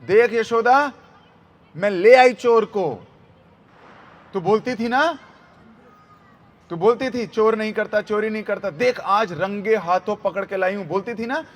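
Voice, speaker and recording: A man voicing an angry village woman who scolds loudly and indignantly in a devotional story. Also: on the high side, lively intonation, a little fast. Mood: scolding, indignant.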